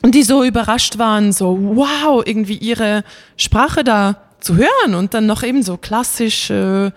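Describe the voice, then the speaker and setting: In an easygoing interview, this young classical singer from Switzerland, raised speaking Bosnian as well, talks with lively energy, many fillers and little laughs. Her mid-range voice is unhurried, and there's no echo.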